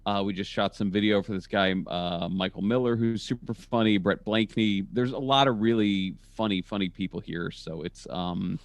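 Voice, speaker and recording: A man chatting over a video call about his comedy work, jumping up in pitch whenever he quotes people in his stories. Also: moderate pace, few pauses, no room sound. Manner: animated storyteller with sudden pitch jumps when quoting people. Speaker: comedian and comedy label engineer. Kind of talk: casual video-call podcast chat. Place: home in a college town.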